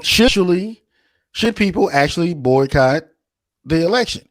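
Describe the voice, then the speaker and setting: A man's voice: fairly high pitch, expressive, a little slow, a bit bright, dry recording, studio quality. A man with an American accent hosting a casual discussion, rambling and repeating phrases as he frames questions. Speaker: podcast host.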